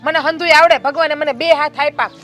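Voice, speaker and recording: A woman playing a strict, sharp-tongued village sister-in-law who scolds bluntly. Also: sits high, fairly even intonation, fast, soft background music. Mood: scolding. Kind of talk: family drama acting.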